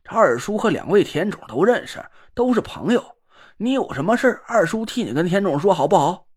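A man's voice: high-pitched, very animated, fairly quick, husky, exaggerated voice. Man voicing a worried coaxing uncle. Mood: soothing. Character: anxious middle-aged uncle, pleading and soothing. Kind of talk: audiobook character voice.

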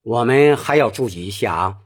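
Male opera teacher, patient and explanatory, husky, lively pitch. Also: moderate pace. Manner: patient, explains then demonstrates phrases. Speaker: Peking opera singing teacher. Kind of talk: spoken singing lesson.

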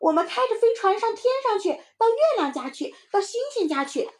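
A woman voicing a little boy who doubts his friend, with a high excited child voice and a teasing manner. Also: brisk.

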